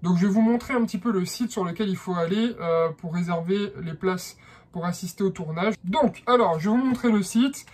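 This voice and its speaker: A man's voice: high-pitched, brisk, a little mellow. A man from France with a French accent, explaining a how-to in a hesitant vlog style with many fillers. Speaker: vlogger.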